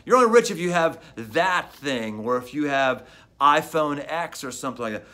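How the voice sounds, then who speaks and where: A man's voice: medium pitch, bright, forceful tone. A middle-aged man, a pastor, giving an evening devotional talk from his office in a conversational way, repeating phrases for emphasis.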